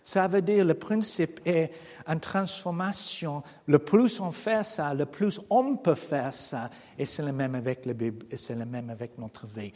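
A man preaching a sermon in French as a non-native speaker with a foreign accent, speaking slowly and haltingly with rhetorical questions. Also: fairly high pitch, lively intonation, mellow, in a large hall. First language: not French. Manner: slow, halting delivery with restarts and rhetorical questions. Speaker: pastor. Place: church hall.

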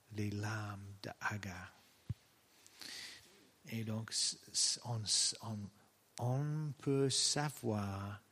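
Slow, husky-voiced male preacher. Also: lowish voice. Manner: slow and halting, searching for words. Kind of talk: sermon.

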